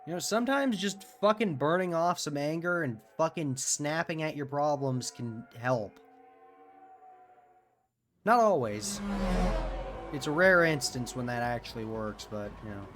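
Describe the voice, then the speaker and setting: A man's voice: fairly high pitch, normal speed, few pauses, a bit bright. A man giving casual gameplay commentary as a streamer, candid and swearing a lot. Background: game music.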